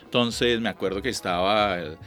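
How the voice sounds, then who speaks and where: A middle-aged man with a Colombian accent and a fairly low voice spins long, lively anecdotes as an interview guest. He talks in a relaxed, chatty way and slips into the voices of the people in his stories. Faint music plays softly underneath. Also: normal speed. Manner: chatty, animated, acts out quoted dialogue. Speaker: interview guest, lyric singer. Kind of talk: relaxed storytelling.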